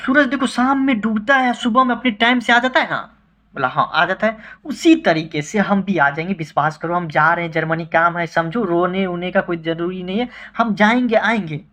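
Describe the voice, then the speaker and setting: A man's voice: high-pitched, moderate pace, sharp tone. A man playing a poet soothing his wife. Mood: reassuring. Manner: coaxing, explaining patiently. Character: adult male poet calmly reassuring his wife.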